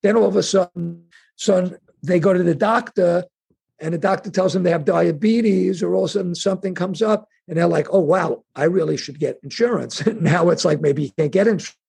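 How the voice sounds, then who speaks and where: A middle-aged man with a New York accent, talking as an interview guest. His voice is gravelly and a touch husky, pitched somewhat high, and it keeps stumbling and restarting as he works toward each point. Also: a little mellow. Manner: halting restarts, conversational, acts out imagined speakers. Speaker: insurance and wealth planning executive, guest. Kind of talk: interview answers.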